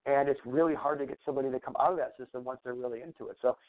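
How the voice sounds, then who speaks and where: A man's voice: mid-range voice, steady tone, rapid-fire. A man guest on a talk show, speaking in a casual, rambling way and often repeating words as he explains his advice. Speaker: guest, natural medicine practitioner. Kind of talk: conversational interview talk. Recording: tinny phone-like line.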